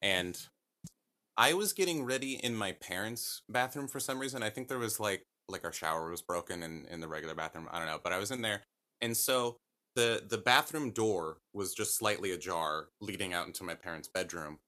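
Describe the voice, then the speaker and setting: A man's voice: sits low, lively intonation, fairly quick, pushed and bright. A man telling his own ghost stories casually as a podcast guest, rambling and correcting himself with lots of fillers. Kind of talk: casual storytelling.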